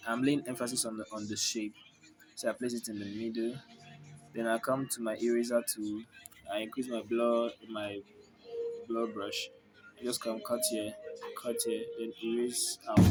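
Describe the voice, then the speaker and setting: Tutor: low, level-voiced man thinking aloud through design steps, music playing behind him. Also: poor audio. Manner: narrates each step plainly while working, thinking aloud. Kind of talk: screen-recorded design tutorial.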